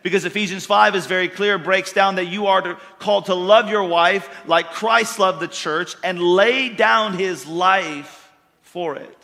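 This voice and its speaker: A man preaches to his congregation in a folksy, emphatic way, pressing his points and rising into louder bursts. His voice is bright and sits a little high. The sound rings with the long reverb of a church hall. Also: a little slow, gravelly. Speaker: pastor. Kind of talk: sermon.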